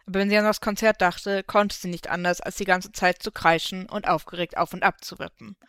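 A woman reading a fan story aloud in steady, even narration, close to the microphone. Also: medium pitch, fairly quick, smooth, no echo. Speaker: fanfiction reader.

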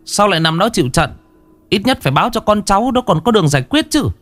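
A man's voice: high-pitched, sing-song, fast talker, fairly bright tone, soft background music, voice pushed up. A man voicing an insistent young questioner.

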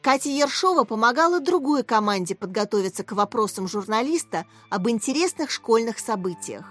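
A woman reading a children's story aloud as the narrator, in clear, even storytelling. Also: fairly high pitch, fairly quick. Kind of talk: audiobook narration. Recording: dry close voice with soft music.

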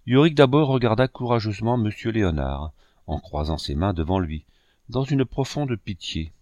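A man giving a measured, solemn audiobook narration of a novel. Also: on the low side, expressive, darkish tone, dry recording, muffled recording. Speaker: audiobook reader.

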